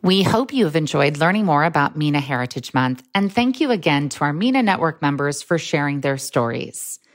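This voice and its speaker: A woman's voice: sits low, lively intonation, a little fast. A woman podcast host reading a polished, scripted outro.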